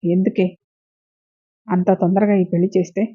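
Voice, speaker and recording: A woman's voice: fairly low pitch, level tone, moderate pace, warm tone, slightly rough. A woman voicing a bossy, scheming middle-aged mother who scolds and gives orders, in a dull lo-fi recording. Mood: scolding. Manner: scolding, commanding.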